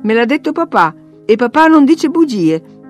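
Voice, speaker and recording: A woman's voice: fairly high pitch, expressive, normal speed, darkish tone, faint music behind, natural voice. A woman voicing a headstrong, hot-tempered young girl who speaks earnestly and indignantly, in a read-aloud story.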